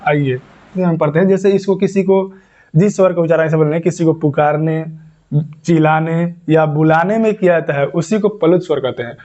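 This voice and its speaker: Slightly high and fairly even in intonation, this man speaks at a normal speed with a warm tone. He teaches a grammar lesson step by step in a classroom style, repeating points and posing questions he answers himself. The lo-fi recording sounds dull.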